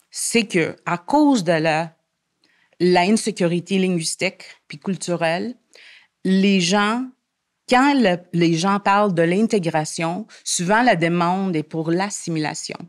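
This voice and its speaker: A woman's voice: lowish voice, measured pace. Earnest woman guest making her case. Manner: earnest, argumentative, many restarts. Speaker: guest columnist. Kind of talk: podcast interview conversation.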